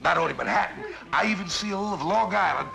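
An actor playing a good-natured, bumbling police officer, eager and excitable. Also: male voice, high-pitched, fast, gravelly, loud music behind the voice, exaggerated voice. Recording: hissy old TV soundtrack.

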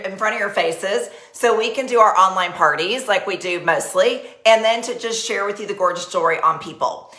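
Her voice sits at medium pitch, bright and forceful, in an echoey room. A bubbly woman from Texas with a matching accent, she chats away and talks with her hands while hosting a live-streamed sales party. She's in a small decorated home office, using her desk webcam as the microphone.

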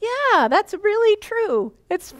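An enthusiastic woman leads a children's message at church. Her voice sits high, swings widely and moves at an unhurried pace. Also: very animated. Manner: upbeat, enthusiastic explainer.

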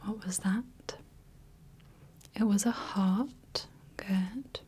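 A woman voicing a gentle female clinician in a whispered role-play, softly reassuring as she runs light tests. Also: medium pitch, steady tone, noisy background. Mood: soothing. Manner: soft, slow, reassuring, checks in often. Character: gentle female clinician testing the viewer's eyes. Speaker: ASMR creator playing a clinician running light tests.

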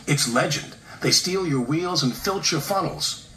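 Storybook: man voicing a teasing engine spinning spooky yarns, raised pitch, echoey room with music. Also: animated, a little slow, pushed and bright. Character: teasing male steam engine spinning tall tales. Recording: roomy echo with music behind.

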